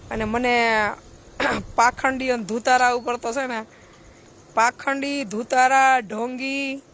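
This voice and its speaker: Woman, high pitch, outspoken live-stream talk, preachy and blunt, faint noise behind. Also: a bit bright. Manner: blunt, preachy, rhetorical questions. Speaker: charity trust social worker.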